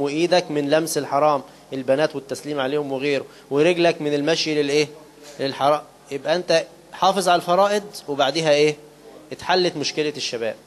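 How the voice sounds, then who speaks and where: A man with an Egyptian accent preaching a sermon in quick colloquial speech. He asks his listeners questions and answers them himself, and he slows down to recite quoted scripture. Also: fairly high pitch, a little hiss or hum. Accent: Egyptian Arabic.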